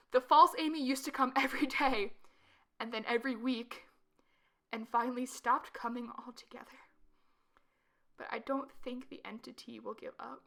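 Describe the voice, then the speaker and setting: A woman performs a blinded asylum patient telling a horror story in the first person. The voice is on the high side, with a sharp, tense edge. The delivery is hushed, creeping horror from a paranoid mind that stubbornly refuses to give in. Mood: anguished, then hushed, wary resolve.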